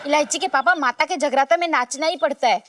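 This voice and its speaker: A high voice of a devout sitcom wife, protesting indignantly at her husband's jokes about her faith. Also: brisk, fairly bright tone. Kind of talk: sitcom acting.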